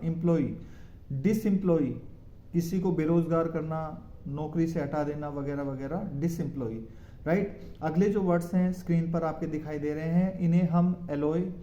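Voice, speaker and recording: A man's voice: a little high, steady tone, normal speed, warm tone, echoey room, lo-fi sound, a little hiss or hum. A man with an Indian English accent teaching pronunciation, repeating each word in drills and often checking with a "right?". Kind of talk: spoken language lesson.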